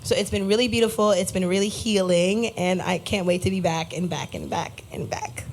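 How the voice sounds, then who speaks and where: A woman's voice: on the low side, normal speed, a little hiss or hum, poor audio. A young American woman, a musician guest, speaking in an earnest, reflective way at a live cafe interview. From United States. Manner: warm, earnest and reflective, with lively quoted voices. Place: live cafe event before an audience.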